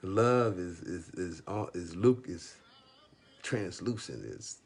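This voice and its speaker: A man with a very low, deep voice talks about faith to one listener in a loose, unscripted way. He stops and restarts his sentences and leans on "you know" over and over. He uses plain street-flavored phrasing and chuckles through his stories. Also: expressive, gravelly, slightly rough. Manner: rambling and halting, with constant "you know" fillers. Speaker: speaker giving spiritual encouragement. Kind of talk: casual faith talk addressed to one listener.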